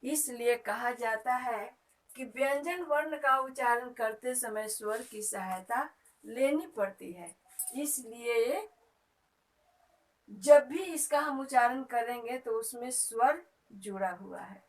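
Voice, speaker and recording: A woman's voice: on the high side, takes it slowly, far from the mic, low-quality recording. A woman teacher giving a grammar lesson to young children, reciting letters one by one and asking the pupils questions.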